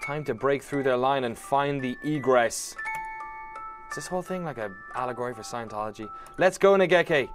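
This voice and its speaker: Man, let's play host, casual game commentary, wry jokes, slightly high voice, faint music behind. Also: normal speed. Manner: wry, joking.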